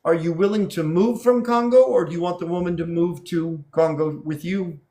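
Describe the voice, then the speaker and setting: A man with a somewhat high, gravelly, creaking voice hosts a live show. He speaks casually and encouragingly to his guests, often repeating a phrase to drive it home. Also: fairly even intonation, normal speed, warm tone, a little hiss or hum. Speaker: live dating show host. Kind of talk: casual live hosting and interview.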